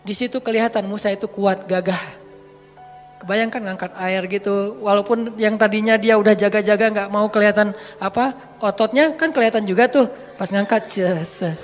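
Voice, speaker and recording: Playful high-voiced male preacher, tinge. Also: steady tone, moderate pace. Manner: playful, joking, acts out the dialogue. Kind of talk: casual storytelling sermon. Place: religious study gathering hall. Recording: long hall reverb with faint music.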